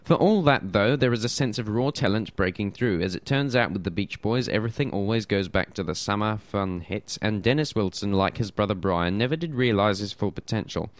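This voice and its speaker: A man's voice: lowish voice, a little fast, few pauses, dry recording. A man presenting music on radio, reading notes casually with self-deprecating asides and stumbles over names.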